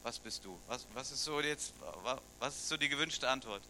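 Bright and forceful at a mid-range pitch, a middle-aged German pastor delivers his sermon at normal speed. He speaks conversationally and regularly poses questions to the congregation, with slight noise in the background.

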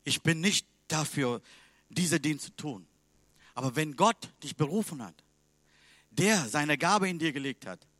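A man preaching a sermon in a language that is not his first, emphatic and swinging between loud and quiet. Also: a little high, no echo.

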